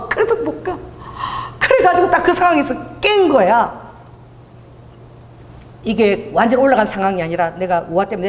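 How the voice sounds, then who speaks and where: A middle-aged woman pastor preaching a sermon, telling stories with lively delivery and acting out dialogue. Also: mid-range voice, a little hiss or hum. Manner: animated storytelling, acting out dialogue. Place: church sanctuary. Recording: church hall reverb.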